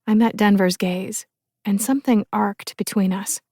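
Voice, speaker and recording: A woman's voice: mid-range voice, fairly even intonation, moderate pace, mellow, no echo, studio quality. Young woman narrating a romance. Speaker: audiobook narrator. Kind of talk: first-person romance narration.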